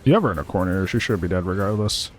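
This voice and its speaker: Lively, sarcastic male game coach. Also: sits low, fast, soft background music. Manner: blunt, sarcastic, chatty critique. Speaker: match review coach. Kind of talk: gameplay review commentary. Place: at home.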